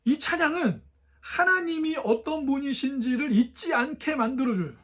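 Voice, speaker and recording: A young man preaching a sermon in a fairly high voice. He keeps asking his congregation questions and sometimes slips into the voices of mockers to act them out.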